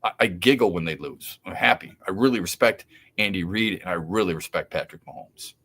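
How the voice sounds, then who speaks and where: Male sports talk host with a Midwestern accent, low-pitched and opinionated, who makes his case through emphatic rhetorical questions. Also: brisk, a bit bright. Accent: Midwestern American.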